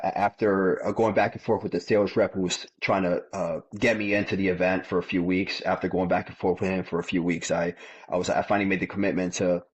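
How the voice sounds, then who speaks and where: A man in his thirties appears as a podcast guest, plainly telling his story in casual conversation and frequently repeating words. His voice is deep and slightly rough, and the recording sounds muffled.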